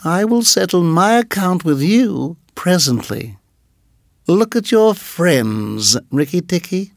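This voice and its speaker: A man voicing a vengeful female king cobra in a storybook reading, menacing and drawn-out. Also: high voice, lively intonation, vocal fry, no echo, clean studio sound, voice pushed up, exaggerated voice.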